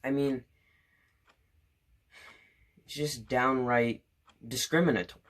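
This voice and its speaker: A man's voice: mid-range voice, fairly even intonation, slow pace, a bit bright. Indignant young man ranting. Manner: indignant, sarcastic, many fillers and restarts. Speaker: student vlogger. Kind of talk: opinion rant to camera.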